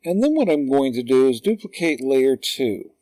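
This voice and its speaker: A man calmly talking through a drawing tutorial step by step, in an unhurried voice-over. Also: mid-range voice, no echo. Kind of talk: slow screen-recorded tutorial.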